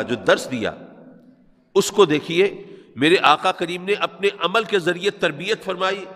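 A man's voice: a little high, bright, forceful tone, in a large hall. A male Islamic scholar delivering a sermon, speaking rhetorically and addressing his listeners directly. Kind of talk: Urdu sermon.

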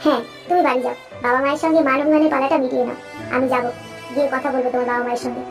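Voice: sits high, level tone, very fast, creaky, over music. A performer voicing a bossy, scornful rich father in a cartoon, mocking and commanding. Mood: kindly. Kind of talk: cartoon voice acting.

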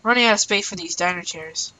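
A woman's voice: fairly low pitch, quick pace, a crowd in the background, low-quality recording. A woman chatting casually while playing a building game, playful and hesitant, with many ums. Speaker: Minecraft player. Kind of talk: casual gaming commentary.

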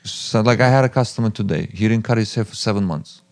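This guest, a master barber who also owns a museum, is a man from the former Soviet Union with a low, gravelly voice and a fast delivery. He talks conversationally in an interview from a small podcast studio lined with acoustic foam. A close studio mic on a boom arm picks him up cleanly, with no room sound.

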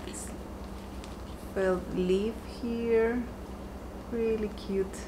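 Drawing out her words in a fairly high, fairly even voice, a chatty home decor vlogger shows off her decor finds in a casual shopping haul. She sits by a window in her home dining room, upbeat and lingering softly over each item, with a noisy background.

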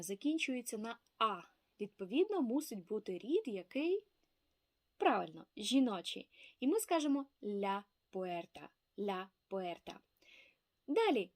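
A woman's voice: medium pitch, darkish tone. A woman teaching an online language lesson, patiently saying each example word twice and stressing it. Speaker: Spanish teacher.

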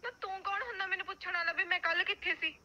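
A woman's voice: extremely high pitch, steady tone, rapid-fire, bright, forceful tone, highs cut off, a little hiss or hum, full character voice. A young woman acting a fed-up ex-friend who answers in a defiant, dismissive way. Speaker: student.

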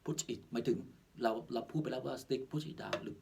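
A man with a Thai accent teaching a drum lesson in a casual spoken style, slowly and with many repeats and restarts, mixing simple English phrases into his talk. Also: medium pitch, creaky, a little mellow, a little hiss or hum. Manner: slow, repetitive, restarts mid-phrase.

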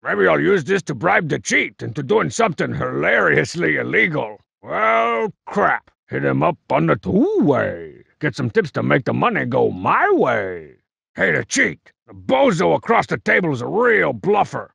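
Strong Bad, gravelly cartoon braggart villain. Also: male voice, a little high, very animated, a little slow, a bit bright, no echo, heavily acted. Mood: cocky, then scheming, smug. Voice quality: raspy, gravelly growl. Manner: bragging, mocking, slangy tough-guy delivery. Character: cocky, boastful cartoon wrestler-masked villain, juvenile troublemaker. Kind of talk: exaggerated comic video game character acting.

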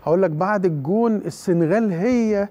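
A man's voice: high voice, a little fast, dark tone. An Egyptian man with an Egyptian Arabic accent, a guest analyst breaking down a football match, hesitant, with many fillers and restarts. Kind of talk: studio sports analysis.

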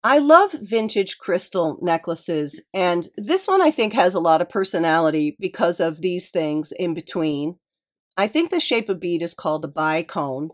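Slightly stuffy-nosed middle-aged woman chatting. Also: lowish voice. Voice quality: slightly stuffy, nasal from a cold. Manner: chatty and appreciative, musing aloud. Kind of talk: casual chatty show-and-tell narration.

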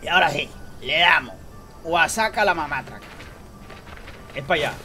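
A man doing live gameplay commentary, excitable, repeating phrases rapidly and talking straight to his chat. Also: on the high side, faint music behind. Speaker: gaming streamer.

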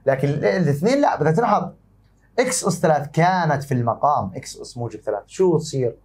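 A man with a Jordanian accent teaching an exam-prep math lesson, warmly calling his students dear and asking and answering his own questions. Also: fairly high pitch, lively intonation, fast talker, husky. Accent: Jordanian Arabic.

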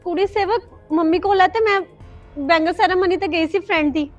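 A woman's voice: very high-pitched, brisk, dull audio, soft background music. A woman playing a hurt young mother who speaks tearfully and defiantly.

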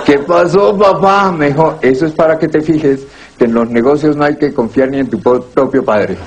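A man's voice: medium pitch, fairly quick, rough recording. Self-deprecating Colombian man telling jokes. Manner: self-deprecating, deadpan storytelling with acted-out dialogue. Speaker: stand-up comedian. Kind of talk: stand-up joke telling.

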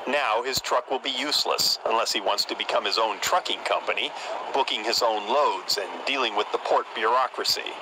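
A man's voice: medium pitch, fairly quick, background noise. An older man reporting for TV news outdoors with a handheld mic, emphatic reporter cadence. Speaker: TV field reporter. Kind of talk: news report narration and interviewing. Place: outdoors at a truck yard. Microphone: handheld microphone.

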